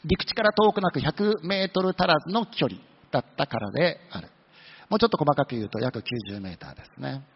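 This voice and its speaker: A man's voice: fairly high pitch, animated, fast talker, vocal fry, a little hiss or hum. A man preaching a sermon, telling the story with humorous asides. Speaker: pastor. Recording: dull lo-fi sound with long hall reverb.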